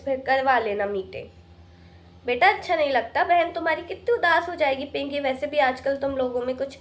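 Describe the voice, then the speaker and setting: A woman's voice: high voice, lightly acted. A woman playing a harried mother and daughter-in-law in a comic family skit, grumbling about chores. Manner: grumbling, fussing over chores.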